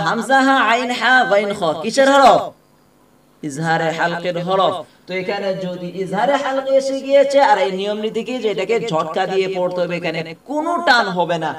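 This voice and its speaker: A man teaching Quran reading, spelling out words letter by letter, asking questions and answering them himself, and slowly chanting the verses. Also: sits high, roomy sound, far from the mic. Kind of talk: spelling out a recitation lesson.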